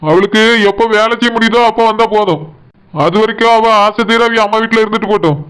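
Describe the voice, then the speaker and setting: A man's voice: sits high, fast talker, fairly bright tone, clean tone, poor audio. A voice actor playing a stern young village husband with a Tirunelveli Tamil accent, scolding his wife and comforting his mother. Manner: scolding, lecturing. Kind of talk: cartoon voice acting.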